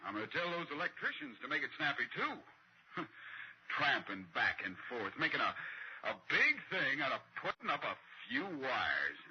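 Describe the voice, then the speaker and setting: An actor playing a greedy, irritable, jumpy husband in a retro suspense radio drama, blustering and sneering with an old prospector's twang. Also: male voice, medium pitch, huge pitch swings, normal speed. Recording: muffled, noisy old radio recording.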